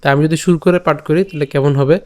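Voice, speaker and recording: A man with a Bengali accent teaching Sanskrit verse pronunciation, breaking words into syllables and repeating them slowly. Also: fairly high pitch, steady tone. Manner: slow syllable-by-syllable demonstration. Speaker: Gita recitation teacher.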